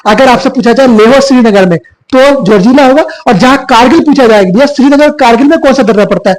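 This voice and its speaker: A hoarse man, a little husky from a cough, teaches a geography lesson at a whiteboard. He repeats each point and keeps quizzing his students as he goes. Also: extremely high pitch, fast, rough recording. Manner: repetitive, quizzing students with filler 'bhaiya'. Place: classroom with whiteboard.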